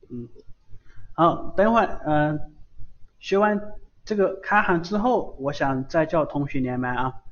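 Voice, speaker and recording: A man teaching Japanese syllables in a live online lesson, patiently repeating each sound over and over. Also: on the high side. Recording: dull lo-fi stream audio.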